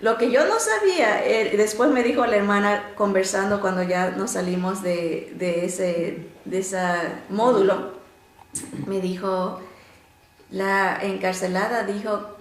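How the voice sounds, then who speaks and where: A woman teaching a Bible lesson through stories, animated and often pausing on "este" and restarts. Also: reverberant. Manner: animated storytelling, often rising in pitch to act out quotes; frequent filler "este" and restarts.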